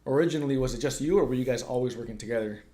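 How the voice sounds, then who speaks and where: A male host speaks over a video call whose audio keeps breaking up and glitching. He asks questions in an agreeable, easygoing way, and his voice sits at an ordinary middle pitch. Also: racing, mellow. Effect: glitchy audio cutting out. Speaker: livestream host interviewing a guest. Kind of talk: casual video-call interview. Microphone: video call microphone.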